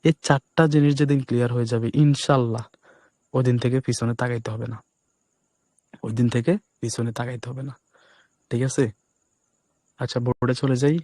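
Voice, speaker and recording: A man with a hoarse, breaking voice teaching a live online class, keeping his voice soft to spare it. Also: mid-range voice, fairly even intonation, no echo. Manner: speaks deliberately softly to spare his voice. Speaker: trading instructor.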